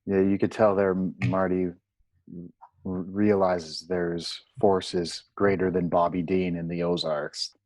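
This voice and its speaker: A man's voice: low voice, slow, creaky, a little mellow, dry recording, poor audio. A man co-hosting a TV recap with casual commentary. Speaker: co-host of a TV recap show.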